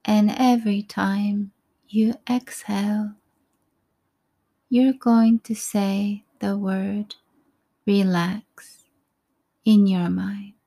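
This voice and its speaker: A woman leading a guided breathing meditation in a soft, breathy, calm voice, with unhurried short phrases and pauses. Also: medium pitch. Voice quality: soft, breathy, often near a whisper.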